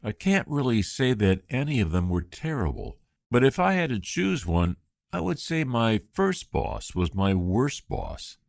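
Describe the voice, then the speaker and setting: In a scripted practice job interview, a man voices the candidate's replies in a mid-range voice. His intonation is sing-song with lots of rise and fall, yet he speaks clearly and at a measured pace. The recording is close-miked and dry.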